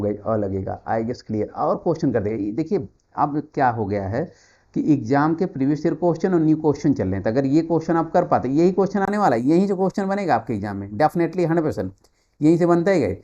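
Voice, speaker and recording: Male Hindi-speaking grammar teacher, Indian accent, mellow dark voice, drills viewers with repeated words. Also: a little high, expressive, fast talker, muffled recording. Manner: repeats key words, drills viewers with timed quiz questions. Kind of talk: online exam-prep grammar lesson.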